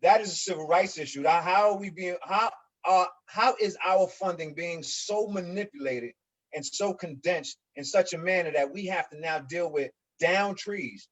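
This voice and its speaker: A man in his forties from New York speaks on a virtual panel about his housing community. His voice sits fairly high, and he talks in an earnest, halting way, repeating words as he works toward each point. The video call audio is dull and lo-fi. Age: 40s. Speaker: resident association leader. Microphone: video call mic.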